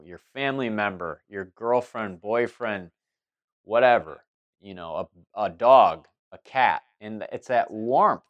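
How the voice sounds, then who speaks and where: A man's voice: mid-range voice, muffled recording. A man giving a loose spoken monologue as host, restarting sentences and circling back with fillers as he talks. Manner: rambling, many restarts and fillers. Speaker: spiritual talk host.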